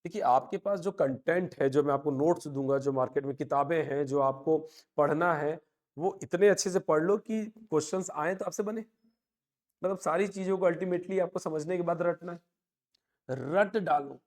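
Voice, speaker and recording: Guy teaching an online coaching class, kinda high voice, pep-talky, chatty with students. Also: normal speed, darkish tone. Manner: motivational, conversational, addresses students by name. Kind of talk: live online class lecture.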